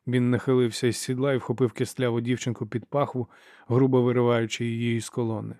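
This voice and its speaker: A man narrates an audiobook with a steady, measured delivery at a middle pitch. The recording is close and dry, with no room sound. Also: no echo. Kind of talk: scripted narration.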